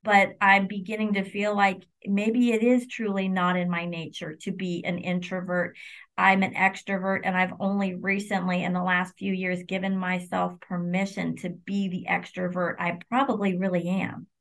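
A woman's voice: lowish voice, flat delivery, moderate pace, fairly bright tone. A middle-aged woman from Illinois, a university general counsel, speaking as a guest in a conversational interview, reflective and open. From Illinois, United States. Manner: reflective and open, with frequent restarts.

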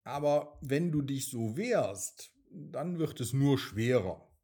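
Patient motherly cloud for a fable, read by a male narrator, soft and warm. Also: medium pitch, animated, slow, husky, full character voice. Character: calm wise motherly cloud, female.

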